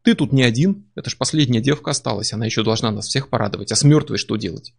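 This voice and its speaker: A man reading aloud, voicing a rough, mocking male barbarian comrade with a gruff, jeering manner. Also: mid-range voice, animated, quick pace. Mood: urging.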